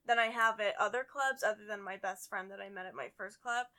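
A woman's voice: medium pitch, fairly quick, bright, forceful tone. A woman in her twenties telling a story in casual chat, acting out the people she quotes and swearing freely. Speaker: guest dancer telling a story.

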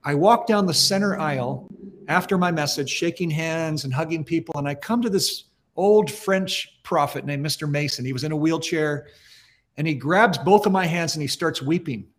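A man's voice: fairly high pitch, normal speed. A middle-aged man, a pastor, telling stories in an earnest, emphatic, conversational way during a podcast interview.

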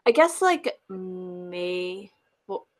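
A woman's voice: fairly low pitch, big pitch swings, extremely slow. Young woman guest in easygoing chat. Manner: casual, agreeable, lots of fillers. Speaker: podcast guest. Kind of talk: casual podcast chat.

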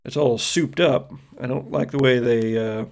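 Stern folksy sheriff, big and protective, gravelly, a man acting it. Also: mid-range voice, unhurried. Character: big gruff small-town 1950s sheriff, protective father.

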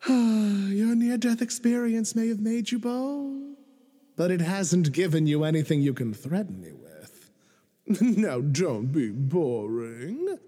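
An actor playing a smug, scheming male puppet-master in a video game, grandiose and taunting, with a breathy voice. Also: high voice, big pitch swings, slow pace, mellow, in a large hall, exaggerated voice. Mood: mocking. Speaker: villain.

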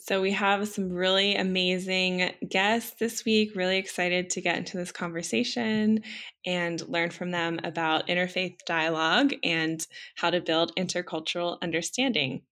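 A woman's voice: on the low side, steady tone, normal speed, a bit bright. A woman hosting a podcast interview, friendly, with fillers. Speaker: podcast host.

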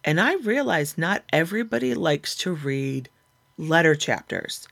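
An animated woman talks frankly as a podcast guest, voicing her own inner arguments in lively little quoted asides. The chat is casual and self-mocking. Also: low-pitched, measured pace, gravelly.

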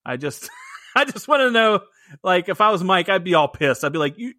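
Male podcast co-host, casual rambling chat, forceful bright tone, dry recording. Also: high-pitched, very animated, normal speed, dry recording. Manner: chatty, laughs often, rambling restarts. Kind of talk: casual movie review chat.

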